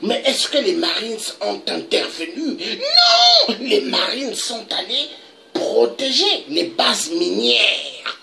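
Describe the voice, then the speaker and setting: Woman, political commentator: slow, indignant rant with a gravelly edge and sharp, high tone. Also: huge pitch swings, a crowd in the background. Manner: emphatic, indignant, with dramatic pitch leaps. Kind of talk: impassioned political monologue.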